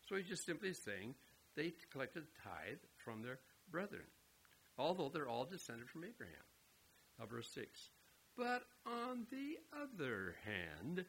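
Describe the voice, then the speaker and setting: A man's voice: mid-range voice, low-quality recording. A man preaching a sermon, teaching through Bible verses with emphatic repetition and direct questions to the congregation. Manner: lively, emphatic, repeats words, asks the audience directly. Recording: faint hiss on the recording.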